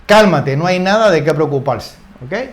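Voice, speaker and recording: Older man, high voice, informal grammar teacher; chatty, checks in with tag questions, repeats words mid-thought. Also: lively intonation, normal speed. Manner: ends phrases with tag questions, repeats words while searching. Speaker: English teacher. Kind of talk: casual spoken grammar lesson.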